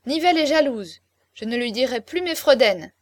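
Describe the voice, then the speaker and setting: A plump little financier bragging about his conquests in a chatty, self-satisfied way, as a woman reads him in a fairly high voice. The recording is dry and close. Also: lively intonation, normal speed, no echo. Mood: boastful. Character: chubby little male financier, boastful gossip.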